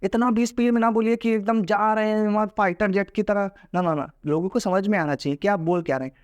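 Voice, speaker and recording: Brisk and fairly even in intonation, this high-sitting male voice has an Indian accent. He teaches in a casual, explanatory style, switching between Hindi and English and acting out example voices.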